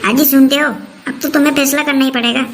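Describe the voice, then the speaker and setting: A woman's voice: sits high, steady tone, fast, a little hiss or hum. A woman playing a sarcastic daughter-in-law. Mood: defiant. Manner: talks back, sarcastic. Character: sharp-tongued defiant young daughter-in-law. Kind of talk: comic family skit.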